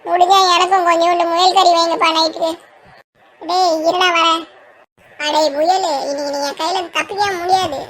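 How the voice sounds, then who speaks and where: Super high squeaky cartoon voice, village friends bickering. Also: fairly bright tone, a little hiss or hum. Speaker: cartoon storyteller voicing all characters. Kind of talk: cartoon story dialogue.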